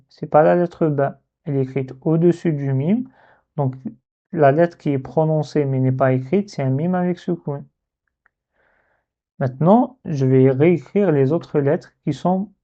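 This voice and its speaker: Guy teaching slow and patient, super mellow dark voice, kinda muffled recording. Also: medium pitch. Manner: patient, repeats syllables slowly to demonstrate. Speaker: Arabic reading teacher. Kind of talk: step-by-step explained lesson.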